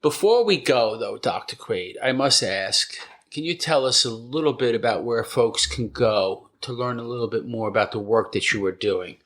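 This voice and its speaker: A man's voice: mid-range voice, normal speed, hardly any pauses, a bit bright. A man hosting a conversational podcast interview in a wordy, courteous way. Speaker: podcast host.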